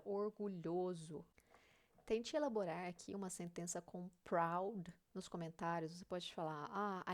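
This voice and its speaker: Brazilian woman teaching English patiently. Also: medium pitch. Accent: Brazilian Portuguese. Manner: patient, checks in often with "né?" and "ok?". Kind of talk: explaining a reading lesson.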